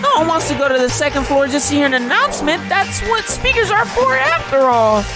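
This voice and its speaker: A woman voicing a gleeful, taunting killing game announcer from a visual novel, with a theatrical, drawn-out, sing-song delivery over music. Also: high-pitched, sing-song, pitched above the performer's own voice.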